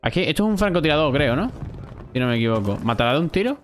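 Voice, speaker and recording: A man's voice: a little high, big pitch swings, racing, noisy background. A young man with a Spanish accent giving casual, chatty live commentary while he plays a shooter, swearing freely and talking to himself and his chat. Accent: Spanish (Spain). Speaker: gaming streamer.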